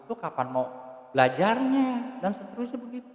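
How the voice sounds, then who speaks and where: A man giving an informal, joking religious talk, swinging from loud to hushed. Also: very high voice, very animated, moderate pace. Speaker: preacher. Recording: roomy hall with long reverb.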